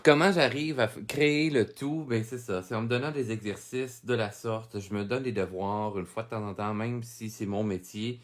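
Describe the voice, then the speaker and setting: A man's voice: fairly low pitch, normal speed, hardly any pauses. A man with a Québécois French accent giving a live-streamed drawing lesson, chatting with viewers, greeting them by name and laughing often. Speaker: drawing teacher.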